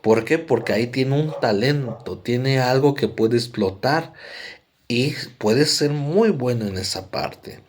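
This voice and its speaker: A man's voice: mid-range voice, takes it slowly. A man with a Mexican accent giving a conversational psychology lecture, often checking in with his listeners. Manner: conversational, frequent "¿no?" tags and fillers. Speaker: psychology presenter. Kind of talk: explanatory lecture.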